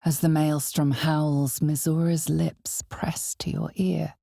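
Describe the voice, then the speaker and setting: A woman voices the ominous, knowing narrator of a dark fantasy game, speaking in a measured, dramatic, often hushed manner. Her low, gravelly voice is heavily acted yet flat in delivery, with a knowing, grave mood. The clean studio sound has no echo.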